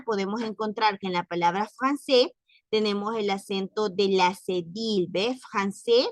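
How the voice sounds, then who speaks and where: A woman's voice: medium pitch, dry recording. A woman teaching French to Spanish speakers in a recorded lesson, patiently repeating and explaining words. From Latin America.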